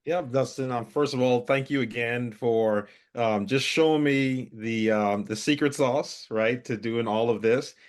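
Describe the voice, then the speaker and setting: A man's voice: medium pitch, a little slow, hardly any pauses. A man from the Bahamas, giving a casual testimonial over a video call, hesitant and full of fillers. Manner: hesitant, many fillers and restarts. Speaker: coaching student giving a testimonial.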